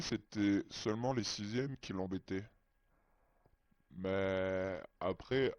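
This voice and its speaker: A man whose voice is masked by a voice changer haltingly tells his own story in a hesitant, childlike manner. The voice is low-pitched and darkish in tone, and the muffled lo-fi recording is dry, with no room sound.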